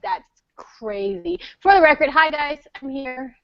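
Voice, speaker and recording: A woman's voice: high voice, unhurried, creaky, no echo. A woman who produces a podcast, chatting bluntly and playfully and swearing casually. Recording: dry, dull lo-fi audio.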